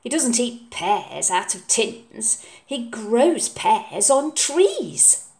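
A woman's voice: on the high side, sing-song, very slow, a little mellow, heavily acted. A woman voicing a stubborn, sulky young boy in a storybook, drawing out words emphatically. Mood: wistful, proud. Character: stubborn young boy proud of his grandpa.

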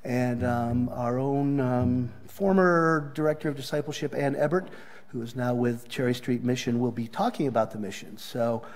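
A man's voice: mid-range voice, fairly even intonation, normal speed. A man with a Southern accent welcoming a church congregation and giving announcements in a friendly way, with frequent ums. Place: church sanctuary.

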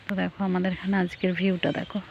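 Hushed woman vlogging outdoors. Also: lowish voice, monotone, rapid-fire, vocal fry, lo-fi sound. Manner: soft, hushed, chatty. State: cold and shivering. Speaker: village vlogger. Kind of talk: casual vlog walkthrough. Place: outdoors in foggy fields at dawn. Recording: faint outdoor noise.

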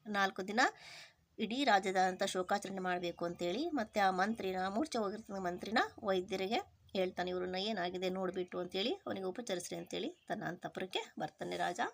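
A woman's voice: medium pitch, a little fast, gravelly. A woman teacher who reads a textbook story aloud, then retells each line in simple everyday words. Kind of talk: reading and explaining a textbook lesson.

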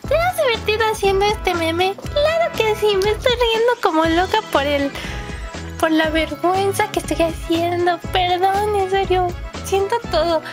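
A young woman fandubber doing a cute voice meme, talking in an exaggerated high, giggly and bashful way. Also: moderate pace. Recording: music playing loudly underneath.

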